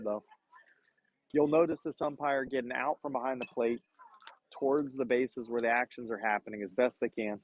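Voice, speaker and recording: In muffled lo-fi stream audio, a man does play-by-play of a youth baseball game from beside the field, easygoing, talkative, and quick to laugh. His voice is medium-pitched with no room sound.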